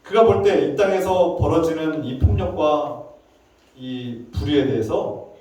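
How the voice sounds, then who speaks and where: A male pastor preaching a sermon in an animated, emphatic way, with the odd chuckle. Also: a little high. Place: church sanctuary. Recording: echoey church hall, distant mic.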